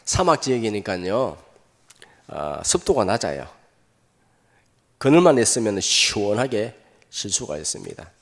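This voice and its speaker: A man pastor preaching a sermon, telling the story in an animated way and tossing rhetorical questions to the congregation. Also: on the low side, a little slow, vocal fry, long pauses. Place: church sanctuary. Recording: echoey hall.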